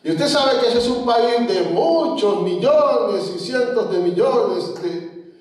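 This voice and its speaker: A man preaching with a strikingly high voice, talking slowly and directly to the people in front of him. He tells his stories in a church hall, and his sound reaches the mic from well off, carrying a heavy echo. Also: animated, a little mellow. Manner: storytelling, addressing the congregation directly. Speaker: pastor. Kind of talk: sermon. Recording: very echoey, from far off the mic.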